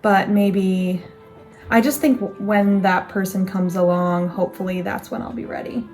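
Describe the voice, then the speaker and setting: A woman's voice: mid-range voice, fairly even intonation, moderate pace, a little mellow, faint music behind. A young woman in casual chat, thinking aloud in a reflective, rambling way with restarts. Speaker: co-host.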